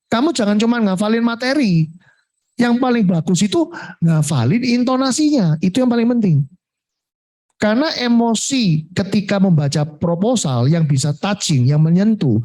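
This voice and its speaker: A man giving a coaching talk to insurance agents, lively, mixing in English words and acting out what clients say. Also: high-pitched. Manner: lively, mixes in Javanese and English words, acts out client replies. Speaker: sales coach.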